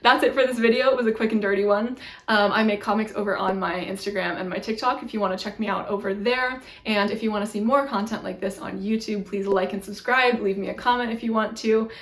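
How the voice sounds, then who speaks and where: Speaking quickly with fairly even intonation and a medium pitch, the young creator breaks down Greek pronunciation in a casual explainer. She's chatty and self-deprecating, often laughing at herself, and the room sounds echoey.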